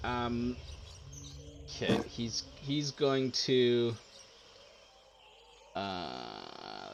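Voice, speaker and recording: Unhurried man running a tabletop game. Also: fairly low pitch, creaky, a bit bright, a little hiss or hum. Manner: unhurried, hesitant, laughs often. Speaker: dungeon master.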